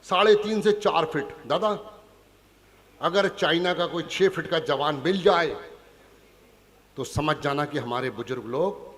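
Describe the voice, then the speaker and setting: A man's voice: on the high side, unhurried, long pauses, long reverb tail, noisy background. A man with a Punjabi accent, a comic poet on stage, teasing and chatting with a live audience. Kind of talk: stand-up comic poetry recital. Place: large hall before a live audience.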